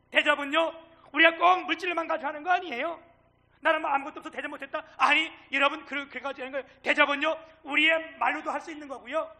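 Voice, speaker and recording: Male pastor, middle-aged, animated sermon delivery; gravelly, very bright tone. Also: extremely high pitch. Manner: animated, swings between loud and hushed; acts out quoted dialogue.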